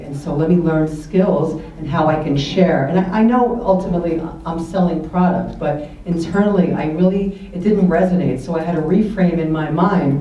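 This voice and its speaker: A woman's voice: low voice, mellow, a little hiss or hum. A woman on a panel talking earnestly and reflectively about meeting people. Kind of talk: panel discussion talk. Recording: dull, very echoey hall from far off.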